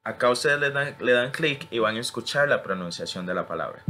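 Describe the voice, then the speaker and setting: Bright-toned teacher. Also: male voice, mid-range voice, animated, fairly quick. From Costa Rica. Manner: switches between English and Spanish, models words for repetition. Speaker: English teacher. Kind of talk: screen-recorded tutorial.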